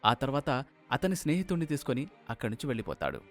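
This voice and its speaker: A man's voice: mid-range voice, very animated, fast talker, soft background music. Man narrating a cartoon story.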